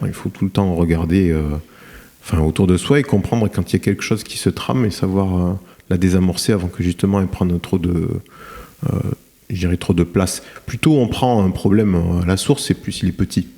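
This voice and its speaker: Speaking in a warm, low voice, a middle-aged Frenchman who directs a cement plant reflects on his career as a podcast guest. He's hesitant, his storytelling full of fillers and false starts.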